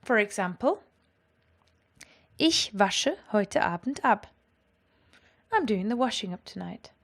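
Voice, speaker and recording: In a lesson on language, a woman speaks slowly in a mid-range voice with lively intonation. She explains with clarity and enthusiasm, enunciating German example sentences carefully.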